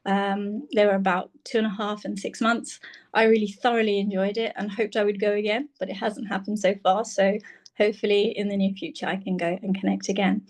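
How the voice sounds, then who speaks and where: A woman's voice: mid-range voice, flat delivery, brisk. A woman from Bangladesh, a senior lecturer, telling her life story on a video call from her phone, thoughtful and full of "um"s. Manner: warm, reflective, with many "um"s. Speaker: guest speaker, senior lecturer. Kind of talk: personal talk on a video call.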